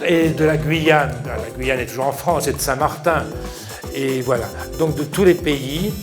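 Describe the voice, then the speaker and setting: A man's voice: medium pitch, normal speed, over music. A man hosting a festival, giving a welcome speech in an informal way, with fillers and asides. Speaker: festival host.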